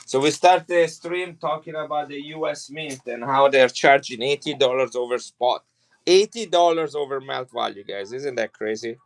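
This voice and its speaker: On a live stream, a chatty Italian man with a medium-pitched voice sells coins at a moderate pace. His casual sales talk rambles, with frequent restarts.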